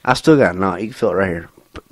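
A man's voice: sits low, very fast. A young man co-hosting a casual radio show, rambling through crude stories with profanity and laughs. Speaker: co-host.

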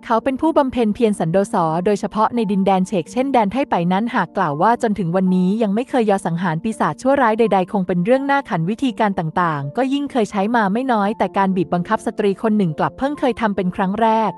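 A woman narrating a fantasy novel as an audiobook reader, in a steady storytelling manner. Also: medium pitch, fast, hardly any pauses, faint music behind. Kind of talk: scripted narration.

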